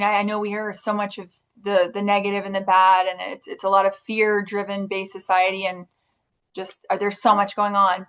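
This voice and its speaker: A woman talking openly about her acting work as an interview guest. Her voice sits at a middle pitch. She speaks in a chatty, rambling way, full of restarts and fillers. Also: fairly bright tone. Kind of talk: casual interview chat.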